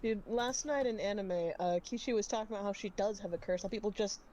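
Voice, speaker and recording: A woman playing a tabletop game over voice chat, animated and emphatic. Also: mid-range voice, fast, highs cut off, a little hiss or hum. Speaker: player.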